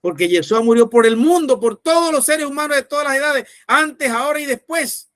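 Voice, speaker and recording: Pastor guy preaching a story, high voice, acts out the people. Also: a little fast, a bit bright, dry recording. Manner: storytelling preacher, voicing people in his stories. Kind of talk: sermon.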